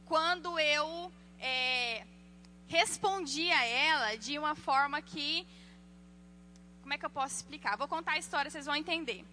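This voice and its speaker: A woman giving a sermon on parenting, telling lively personal stories and acting out the voices of the people in them. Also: sits high, moderate pace, slight background noise. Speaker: church speaker.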